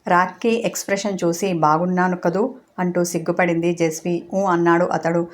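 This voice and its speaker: A woman narrates a romantic story in a lowish voice. Her reading stays level and even, and she speaks each character's lines without changing her voice. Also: normal speed. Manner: reads all characters' lines in her own voice with little change.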